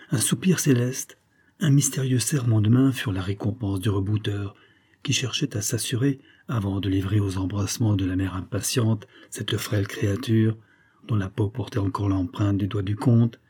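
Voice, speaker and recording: A man narrating a classic novel in a measured, steady literary reading. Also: lowish voice, breathy edge. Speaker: audiobook narrator.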